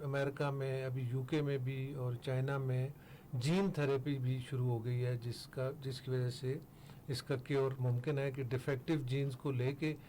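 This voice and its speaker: Older male interview guest, calm and measured, mid-range voice, faint hiss behind. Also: medium pitch. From Pakistan. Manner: measured, explanatory, pauses with fillers. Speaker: interview guest, foundation head. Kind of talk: radio interview. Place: radio studio.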